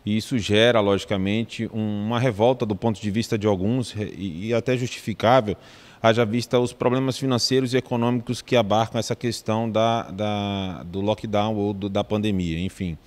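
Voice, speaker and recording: A man's voice: fairly low pitch, fairly even intonation, a little mellow. Formal Brazilian man with reverberant sound. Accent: Brazilian Portuguese. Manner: measured, formal, with frequent restarts and fillers. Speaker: legal adviser. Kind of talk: formal legal explanation in an interview.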